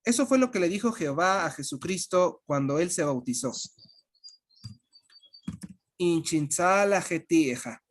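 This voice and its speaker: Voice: medium pitch, big pitch swings, fairly quick, hardly any pauses, a little hiss or hum. A language teacher giving an online lesson, patiently repeating and spelling out sounds.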